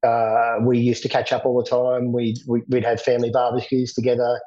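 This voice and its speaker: A middle-aged Australian man, a veteran, recalling his army days in a plain, steady way, often restarting his words. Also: mid-range voice, fairly quick, highs cut off. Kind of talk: interview recollection.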